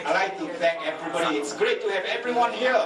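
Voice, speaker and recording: A man's voice: high-pitched, lively intonation, quick pace, in a large hall, over loud music, over a noisy crowd. A middle-aged man giving an emphatic motivational speech to an audience, full of rhetorical questions. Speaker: motivational speaker and consultant. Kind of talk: public speech.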